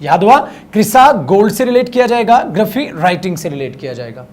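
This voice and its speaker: A male teacher giving an online vocabulary lesson, coaxing students to read along, repeating words and slowing down for English phrases. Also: high-pitched, big pitch swings. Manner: slows right down when speaking English phrases.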